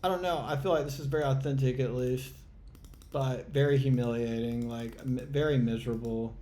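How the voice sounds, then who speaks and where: A man with a dark-toned, mid-range voice speaks a little fast in a steady tone. He hosts a trading channel and, while playing a trading game, commentates live through exasperated muttering, sighs and curses aimed at the chart.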